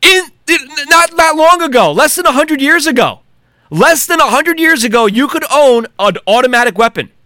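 A man's voice: extremely high pitch, expressive, moderate pace, pushed and bright, no room sound, clean studio sound. An American man delivering a heated, profane monologue rant, angry and sarcastic. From United States. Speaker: commentator.

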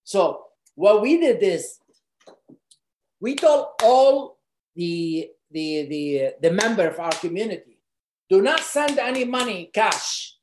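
A man's voice: sits high, sing-song, slow pace, a little hiss or hum. Earnest man from Lebanon, echoey room. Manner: heartfelt, repeats words, many fillers. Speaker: company co-founder. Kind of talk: earnest personal talk.

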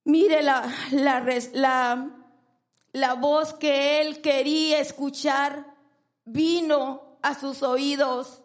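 A woman's voice: high voice, fairly even intonation, drawn-out words. A woman preacher delivering a sermon, emphatic and repeating phrases for stress.

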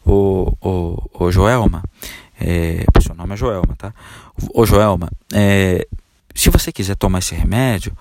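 A man mimicking a timid, over-polite male doctor who speaks low, slow and hesitantly. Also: vocal fry, a little mellow, no echo, clean studio sound, full character voice.

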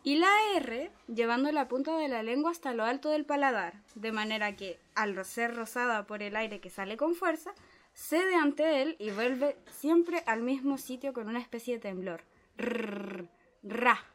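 A patient, pedantic philosophy tutor, voiced by a woman, lays out each lesson step by step. The tone sits a little high and stays methodical. It is a dramatic reading. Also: expressive, moderate pace, lightly acted. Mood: instructive. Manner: methodical, explanatory. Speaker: reader playing a tutor.

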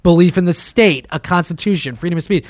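Man from New Jersey, podcast host, fairly high pitch, dry close sound, chatty and animated. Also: fairly quick, no room sound. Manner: animated, swearing, frequent "like" and "you know". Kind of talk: casual podcast discussion.

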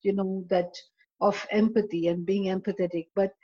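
A woman guest reflecting in conversation, haltingly explaining her ideas through examples. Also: medium pitch, fairly even intonation, no echo, highs cut off. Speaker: discussion guest.

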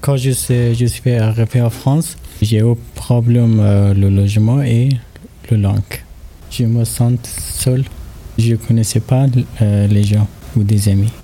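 A man of thirty with an Afghan accent, giving personal testimony in halting, broken French. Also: mid-range voice, steady tone, dark tone. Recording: background ambient noise.

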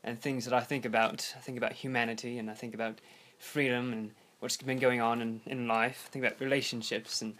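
A man's voice: mid-range voice, little pitch movement, brisk, few pauses, fairly bright tone, close to an everyday voice. A man putting on a British accent to play a guest poet on a casual podcast, speaking in an overly polite, mock-formal way. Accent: put-on British. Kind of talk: podcast guest reciting a poem.

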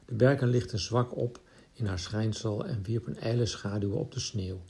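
Gravelly, dark-toned male narrator. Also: fairly low pitch, moderate pace. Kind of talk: literary audiobook reading.

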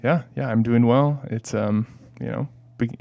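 Casual male podcast host, halting speech. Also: mid-range voice, gravelly, mellow. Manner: hesitant, many fillers and restarts. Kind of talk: casual chat.

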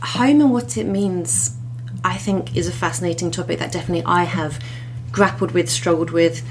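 A woman's voice: fairly low pitch, normal speed, noisy background. A woman researcher talking through her work as a podcast guest, thoughtful and hesitant, with many fillers and restarts.

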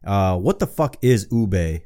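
Man, podcast co-host, casual chat, swears a lot, teasing, fairly low voice. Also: very animated, slow pace, warm tone. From lives in Hawaii. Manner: swears constantly, teasing and blunt.

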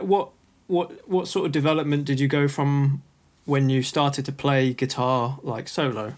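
A male podcast host leads a casual interview. He asks his questions with friendly enthusiasm and a chatty manner, in a voice of ordinary pitch.

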